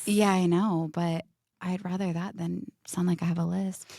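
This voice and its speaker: A woman's voice: fairly low pitch, level tone, normal speed, gravelly, mellow, no room sound, clean studio sound. A young woman co-hosting a podcast, teasing and laughing often in casual chat. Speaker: podcast co-host.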